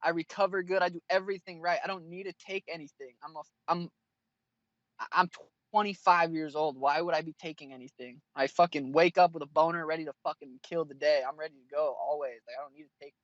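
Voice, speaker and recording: Young male fighter, mid-twenties, casual and profane; voice a touch high, dry and muffled recording. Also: fairly even intonation, fast, a bit bright, no room sound. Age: 20s. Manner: blunt and profane. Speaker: fighter, interview guest. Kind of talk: casual interview answers.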